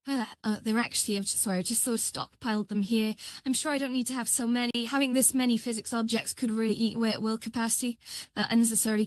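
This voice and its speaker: A woman's voice altered by a voice changer, hosting a casual live software tutorial in a halting, think-aloud way. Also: a little high, dry recording. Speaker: livestream tutorial host.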